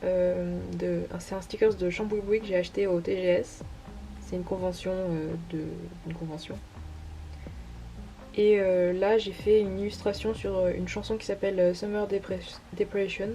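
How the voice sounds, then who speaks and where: Faint music plays behind this young artist as she flips through her sketchbook for her vlog, speaking at a normal pace in a warm, lowish, fairly even voice. Her narration is casual and halting, packed with fillers and self-mocking laughter.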